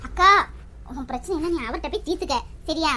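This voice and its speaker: A blunt younger sister, played by a woman, speaks curtly and impatiently in a family skit. Her voice is high, with faint noise behind it. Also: quick pace, pushed and bright. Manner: curt, impatient.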